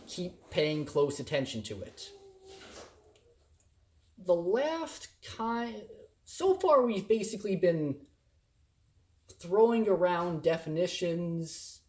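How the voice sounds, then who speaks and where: Male lecturer, slow and deliberate, lively swooping pitch, playful classroom delivery. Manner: animated and playful, acting out examples in varied emphasis. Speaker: college instructor. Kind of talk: recorded lecture.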